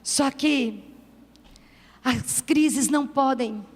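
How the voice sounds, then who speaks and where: A high-pitched woman preaching in a large church, her voice ringing with a long reverb. She shifts from fervent shouting to hushed, tender passages. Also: drawn-out words. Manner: impassioned, swings from shouting to soft confiding. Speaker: pastor. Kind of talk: sermon.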